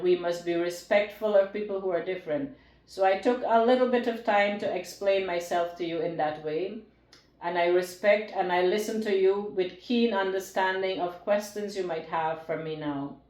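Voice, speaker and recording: A woman's voice: medium pitch, moderate pace, a little mellow. A woman from Guyana, giving a solemn spiritual talk to one listener in earnest, repetitive phrasing. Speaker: spiritual speaker. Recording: roomy echo.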